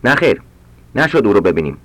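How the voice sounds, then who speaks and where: A man reading short practice sentences aloud for language learners, slowly and with careful enunciation. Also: fairly low pitch, very animated, fairly bright tone, no room sound. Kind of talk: read-aloud Persian drill sentences for learners.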